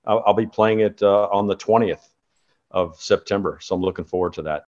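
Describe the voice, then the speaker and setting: A man's voice: on the low side, brisk, a little mellow, dull audio. A man in his sixties from California, a former tour golfer, chatting as an interview guest in a rambling, anecdotal way with many fillers. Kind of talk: casual interview chat.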